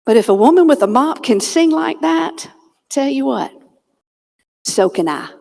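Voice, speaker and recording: A Georgia woman with a Southern US accent, high-pitched, animated, creaky, and a little mellow, gives a funny motivational keynote on a conference hall stage mic amid a large hall's long reverb. As a speaker and comedian she tells stories with dramatic pauses and comic asides, dropping to a near whisper on key lines.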